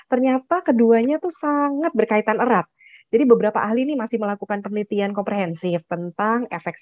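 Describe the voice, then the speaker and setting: A woman's voice: mid-range voice, no echo. A woman heading a psychologists' association, opening a webinar in a chatty, friendly way, peppered with "ya", over a video call. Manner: warm, chatty, with tag "ya" and "nih". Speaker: head of a clinical psychologists' association. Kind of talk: formal webinar opening speech. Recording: muffled dry video-call audio.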